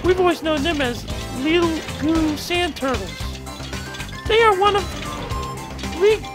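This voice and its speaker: A player doing a high earnest young woman. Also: lively intonation, slow pace, music in the background, exaggerated voice. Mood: pointed. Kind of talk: let's-play voice acting.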